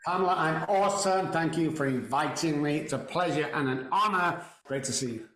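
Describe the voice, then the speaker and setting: This Mancunian man from England, guesting on a podcast, tells stories in a chatty, joking, self-deprecating interview from an echoey room. His voice is a little high, a bit bright, and a little fast.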